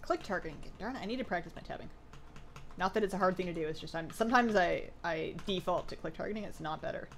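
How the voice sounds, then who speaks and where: Two hours into her stream, a woman's fairly low, a bit bright voice is a little worn as she chats quickly with viewers during gameplay, reading their questions aloud and filling in with "like" and "um." There's a little hiss or hum on the audio.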